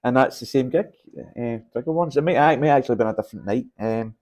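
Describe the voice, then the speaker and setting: A man with a Scottish accent hosts a relaxed, informal conversation in a mid-pitched voice. He speaks haltingly, circling back over his words as he finds the next thought. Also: noisy background. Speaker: podcast host, show promoter. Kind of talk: casual chat.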